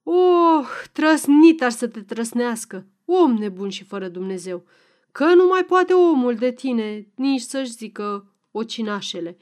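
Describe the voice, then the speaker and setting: Woman reading as a scolding old village wife, quick and sharp, storybook style. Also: on the high side, lively intonation, lightly acted.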